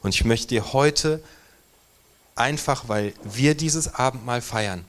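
A man delivers a sermon with a mid-range voice. He presses hard on key words, then drops to soft, almost whispered lines. It sounds like preaching in a church. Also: medium pitch, slow pace. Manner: emphatic preaching, swinging between loud stresses and hushed near-whispered lines. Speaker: pastor.

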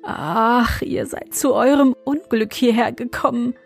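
A woman voicing a kind but brisk young wife in an ogre's house, urgent and bossy. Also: fairly high pitch, gravelly, husky, soft background music, pitched above the performer's own voice, exaggerated voice. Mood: warning.

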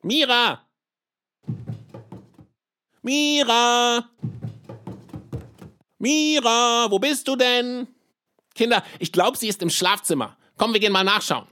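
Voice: mid-range voice, slow pace, long pauses, bright, forceful tone. A performer voicing a cheerful little rapping creature in a children's show, talking in bubbly, youthful slang. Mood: eager. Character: cheerful little creature who raps, friendly helper.

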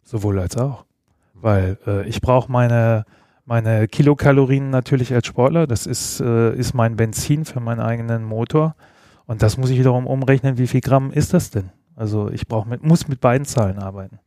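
A man's voice: medium pitch, normal speed, warm tone, no echo, clean studio sound. A man from Bremen, a podcast guest, giving thoughtful, qualified answers about sports nutrition. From Bremen, Germany. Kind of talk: podcast interview.

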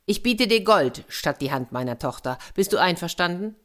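A woman doing a gruff, scheming storybook king. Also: lowish voice, lively intonation, moderate pace, a bit bright. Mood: grudging. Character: angry scheming male king.

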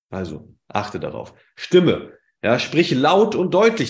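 A man who works as a dating coach gives direct, emphatic advice in a podcast monologue and often adds a quick "ja". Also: on the low side. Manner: direct, emphatic, tags sentences with "ja". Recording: roomy echo.

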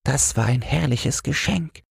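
A man's voice: medium pitch, a little slow, creaky, husky, no echo, studio quality, pitched above the performer's own voice, full character voice. A man voicing a humble old street lantern in a fairy-tale audiobook, fretful and tender. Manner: worried, keeps repeating a single fear.

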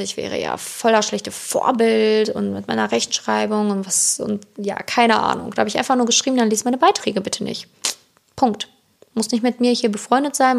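A woman with a medium-pitched voice and vocal fry hosts an informal motivational podcast as a self-love coach. She isn't a native German speaker, and she talks directly and personally to the listener.

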